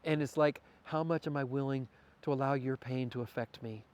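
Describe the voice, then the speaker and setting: Man, podcast guest, mid-range voice, thoughtful, philosophical, thinks out loud, candid interview talk. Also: medium pitch, fairly even intonation, a little fast. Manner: reflective, philosophical, thinks aloud with restarts.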